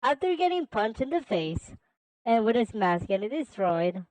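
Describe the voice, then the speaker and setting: A woman's voice: fairly high pitch, very animated, moderate pace, darkish tone, no echo, rough recording. A woman casually reading a fan story aloud and adding chatty asides. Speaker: story reader.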